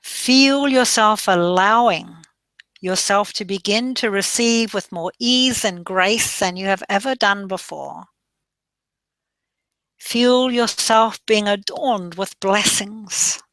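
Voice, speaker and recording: A woman guides a meditation very unhurriedly, her mid-range voice bright and clear as she draws out her phrases. She is soothing and gentle and now and then slips into soft breath. The sound is close and dry with no echo or room around it, and the recording is rough.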